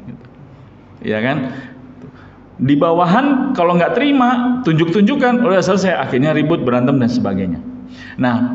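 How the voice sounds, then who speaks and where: A fairly high-voiced man gives a relaxed, conversational sermon to his congregation, often putting questions to them and acting out quoted lines in a raised voice. His voice rings through a large, reverberant mosque hall. The recording sounds dull and lo-fi. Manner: acts out quoted speech with raised pitch. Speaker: preacher.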